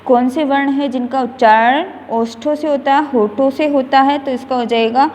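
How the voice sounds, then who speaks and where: A woman teacher gives a slow, careful classroom explanation. She reads out textbook lines, then explains them simply, with frequent pauses and fillers. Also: high voice, fairly even intonation, darkish tone, big-room sound, slight background noise. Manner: recites letters one by one in a slow, measured way. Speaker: school teacher.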